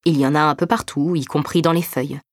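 A woman voicing a gentle older brother who explains things patiently and reassuringly in a narrated story. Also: sits low, steady tone, quick pace, dry recording, clean studio sound, close to an everyday voice. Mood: patient explaining.

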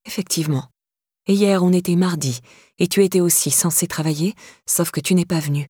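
A stern laundry boss at the end of her patience, as a woman reads her, curt and scolding. The voice sits close and dry, with a slightly breathy edge. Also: lowish voice, brisk, mellow, dry recording. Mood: exasperated.

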